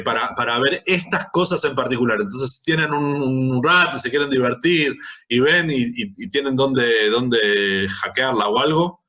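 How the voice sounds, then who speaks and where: A man with an Argentine accent giving a university sociology lecture in a conversational way, often checking in with the class through quick tag questions. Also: mid-range voice, bright, forceful tone, highs cut off. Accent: Argentine Spanish.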